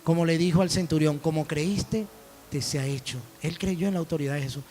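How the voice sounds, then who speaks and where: A man's voice: on the high side, brisk, mellow. A man preaching a sermon as pastor, telling stories and acting out dialogue. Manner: storytelling preacher, quoting dialogue.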